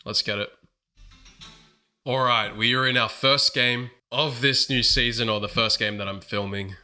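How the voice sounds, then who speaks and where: A man's voice: medium pitch, steady tone, unhurried, bright, forceful tone, faint music behind. A man hosting his gaming channel, chatting casually through strategy commentary while a bit sick. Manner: chatty, upbeat, self-correcting.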